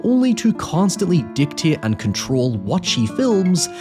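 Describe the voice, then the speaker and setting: A man's voice: a little high, sing-song, measured pace. A man narrates a scripted video essay as its host, speaking in an articulate, analytical way with the occasional wry aside. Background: background music with guitar.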